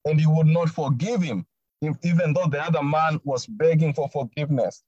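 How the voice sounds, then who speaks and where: A man's voice: on the high side, moderate pace, a little mellow, breathy edge, no room sound. Emphatic preacher man, lo-fi sound. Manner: emphatic, repeats key phrases. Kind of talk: sermon. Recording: dull lo-fi recording.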